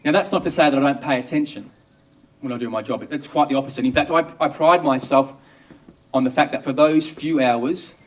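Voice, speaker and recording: A man's voice: mid-range voice, brisk, distant mic. An Australian man, an obstetrician, telling a first-person story with wry, dry humour.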